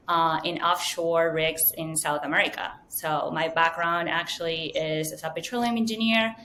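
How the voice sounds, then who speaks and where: Woman guest, low pitch, earnest interview tone, faint background rumble. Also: a bit bright. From Venezuela. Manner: fluent, earnest, many ums. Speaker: guest, data science manager. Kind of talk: interview answers.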